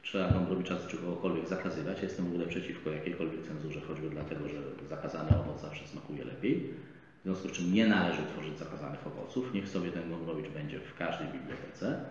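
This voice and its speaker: A middle-aged man giving measured political commentary as a guest at a studio table, talking in a deliberate, lecturing way with frequent drawn-out hesitations. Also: deep voice. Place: bright indoor studio set at a table. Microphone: table microphone on a stand, camera framed wide. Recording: echoey, roomy, slightly dull, faint hiss.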